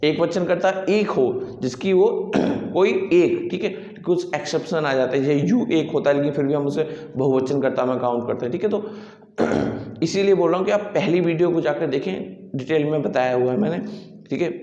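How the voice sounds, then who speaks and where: A man teaching an English grammar lesson in Hindi. He repeats himself, keeps saying "theek hai" and often clears his throat. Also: a little high, a little mellow. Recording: echoey room, slightly dull sound.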